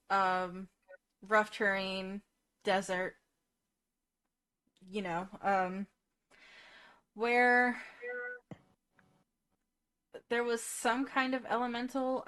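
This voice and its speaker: Female player, casual in-character recap; slow pace. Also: medium pitch, a bit bright, clean tone. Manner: casual, recounting with many ums. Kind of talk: tabletop role-play on a live stream.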